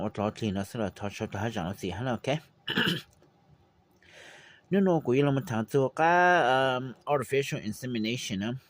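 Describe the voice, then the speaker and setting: Slow, rambling man explaining breeding. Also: medium pitch. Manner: unhurried, rambling, with frequent fillers and clipped confirmations. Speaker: poultry breeder explaining his method. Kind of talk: informal how-to talk.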